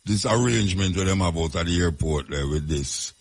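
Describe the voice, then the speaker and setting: A Jamaican man gives casual commentary in a hesitant way, restarting and clearing his throat. His voice is husky and somewhat low. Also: lively intonation, fairly quick.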